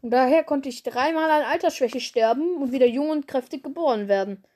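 A woman voicing a battle-hardened male cat who leads his clan, speaking in a gruff, commanding way. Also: high voice, fairly quick, a little mellow, voice pushed up, natural voice. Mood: boastful.

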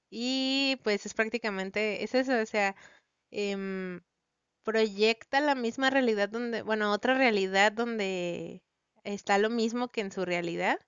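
A woman with a Mexican Spanish accent chats to her viewers, retelling a plot in loose, slangy, rambling speech with plenty of fillers. Her voice is very smooth and resonant. The recording is dry and a bit dull, like lo-fi home audio. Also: mid-range voice, no echo. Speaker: vlogger recounting a story.

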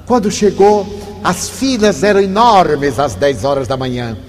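An older man giving a spiritist lecture, telling stories that move from hushed tones to animated ones. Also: a little high, unhurried, faint music behind. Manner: warm storytelling, shifts from hushed to animated. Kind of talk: inspirational lecture with storytelling. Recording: long hall reverb, faint background noise.

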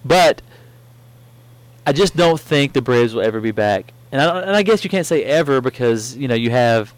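A man's voice: medium pitch, expressive, moderate pace, no room sound, poor audio. A man co-hosting a podcast, rambling with opinions in a casual chat. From near Atlanta, US. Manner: rambling, many fillers, opinionated. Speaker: podcast co-host.

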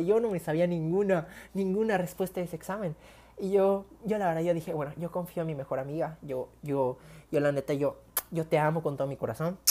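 Low-voiced young Mexican woman vlogging. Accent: Mexican Spanish. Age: young adult. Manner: chatty, slangy, animated retelling with whispered asides. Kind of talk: casual storytelling to camera.

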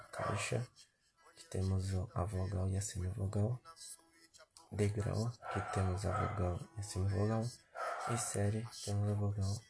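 A man's voice: lowish voice, gravelly, warm tone, slight background noise. A man reviewing a grammar lesson, methodically reading definitions and word lists aloud. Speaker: teacher.

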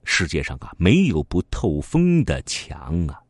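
A man with a deep voice tells a children's story, swinging his pitch widely in a sing-song way. He stretches his phrases out, and the sound is close and dry. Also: no room sound. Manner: animated, sing-song with drawn-out particles.

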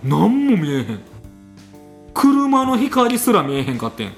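A man's voice: sits high, measured pace, faint music behind. A man with a Kansai accent telling stories in casual chat, animatedly voicing both sides of conversations. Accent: Kansai Japanese. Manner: animated, acts out quoted exchanges. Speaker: podcast co-host telling an anecdote.

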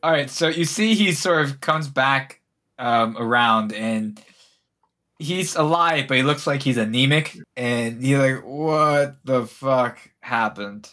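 A man's voice: mid-range voice, animated, a little slow, pushed and bright. A man casually narrating a tabletop game as game master, in an informal way with some swearing.

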